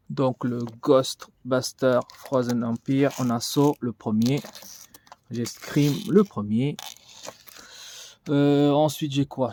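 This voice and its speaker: A man's voice: mid-range voice, darkish tone, slight background noise. A man giving a casual vlog tour of his collection, rambling and thinking aloud with many fillers. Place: indoors in a collection room.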